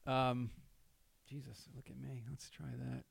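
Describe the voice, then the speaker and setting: A New Jersey podcast host talks a little slowly in a level, medium-pitched voice with vocal fry and a breathy edge, with no echo. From his studio he's brash and joking, swearing freely as he reads plugs and chats casually with guests.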